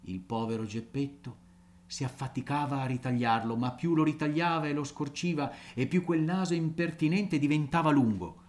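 Expressive man reading a storybook. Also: fairly high pitch, moderate pace. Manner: expressive, with small ad-libs and chuckles. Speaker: audiobook reader.

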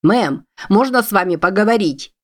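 A woman's voice: medium pitch, animated, normal speed, pitched above the performer's own voice, lightly acted. A woman voicing a desperate, bearded former soldier who talks in an urgent, pleading, breathless way.

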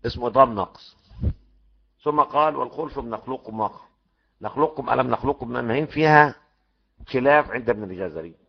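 An Egyptian man teaches Quran recitation and drills each sound aloud for his class. His voice is gravelly, and the recording sounds dull and muffled. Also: mid-range voice, quick pace, long pauses. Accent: Egyptian Arabic. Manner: animated, demonstrates sounds repeatedly, asks the class questions. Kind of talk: lecture on tajweed rules.

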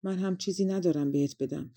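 A woman voicing a kind young prince in a storybook, speaking in a gentle, regretful way with a mellow tone. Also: on the low side, no echo, studio quality.

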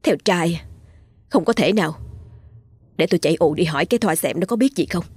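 A woman's voice: fairly low pitch, expressive, brisk, darkish tone, husky. A woman voicing a frantic middle-aged village mother who stammers with anxiety. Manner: anxious, stammering.

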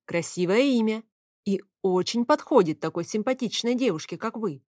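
A woman's voice: mid-range voice, expressive, moderate pace, a little mellow, no room sound, close to an everyday voice. A polite middle-aged emperor in an audiobook, read by a woman. He speaks courteously with mild amusement. The recording is dry and close to the mic. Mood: gallant. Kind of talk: audiobook character voice.

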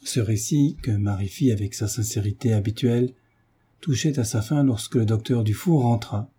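A man's voice: on the low side, moderate pace, mellow, slightly rough. A man reading a classic novel aloud as audiobook narration, voicing all characters in his own voice. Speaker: audiobook reader.

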